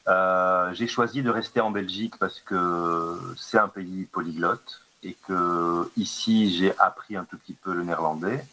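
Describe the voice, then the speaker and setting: Deep-voiced man, hesitant. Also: steady tone, measured pace, few pauses, sharp tone, rough recording. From Lebanon. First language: Arabic. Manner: hesitant, many fillers and restarts. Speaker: artist, conference guest. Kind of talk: answering questions at a conference discussion.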